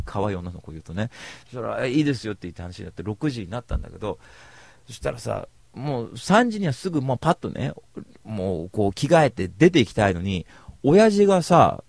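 A man's voice: mid-range voice, a little mellow, dry recording. A man rambling through a casual storytelling monologue, blunt and slangy, calling himself a cynic. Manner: slangy rough speech.

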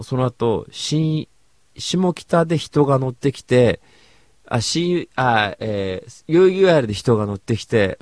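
A man's voice: mid-range voice, dry recording. A man hosting a radio show alone, chatting casually in a rambling, self-mocking way. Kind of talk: casual solo radio talk.

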